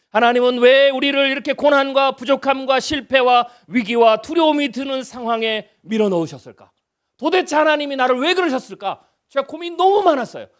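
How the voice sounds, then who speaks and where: A man in his fifties with a strikingly high voice preaches a revival sermon as guest pastor. He talks to the congregation like a conversation, throwing out rhetorical questions. He swings from loud, pressing emphasis down to near-hushed lines.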